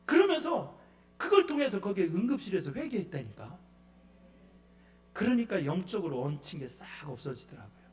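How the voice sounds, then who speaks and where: A man's voice: high-pitched, brisk. A middle-aged man preaching a revival sermon as guest pastor, telling a personal story and acting out the voices in it. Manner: animated storytelling, acts out God's rebuke.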